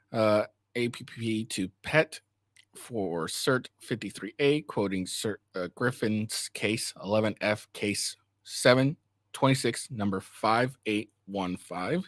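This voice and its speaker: A man reading a legal document aloud in a halting way, stumbling over words and correcting himself, with a casual host's delivery. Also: lowish voice, fairly bright tone, no echo.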